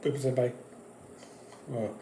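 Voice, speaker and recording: A man talks through his wrestling picks in a casual, rambling monologue, stopping and restarting his sentences often. His voice is mellow and dark. The recording has a roomy echo with a faint background hum. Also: mid-range voice, steady tone, unhurried, creaky. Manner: rambling, with many fillers and restarts. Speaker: wrestling channel host. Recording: echoey room.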